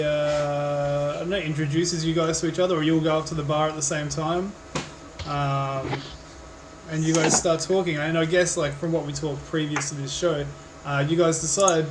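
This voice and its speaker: Male game master, casual hesitant narration, slightly high voice, noisy background. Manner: hesitant, many fillers.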